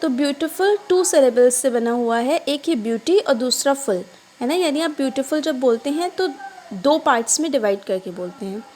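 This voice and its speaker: A woman teacher reading an English story aloud slowly to children, then explaining each line in Hindi and checking that they follow. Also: high voice, animated, darkish tone, slight background noise.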